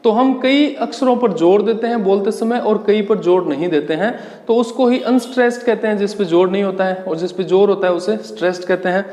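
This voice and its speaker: Male lecturer, high voice, patient step-by-step explainer, reverberant classroom sound. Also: a little mellow. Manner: slow, explanatory, repeats key terms and asks rhetorical questions. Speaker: English literature teacher. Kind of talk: exam-prep lecture in Hindi with English terms. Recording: echoey, reverberant room.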